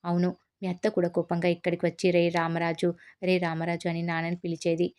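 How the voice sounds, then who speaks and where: A woman's voice: on the low side, monotone, brisk, darkish tone, clean tone, close to an everyday voice. A cocky teasing young husband, as a woman reads him. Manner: mocking, laughing.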